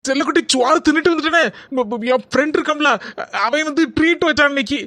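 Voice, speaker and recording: A woman's voice: high voice, fast talker, very noisy, natural voice. A woman voicing a meek, evasive village husband in a cartoon, stammering and placating with a Kanyakumari Tamil accent.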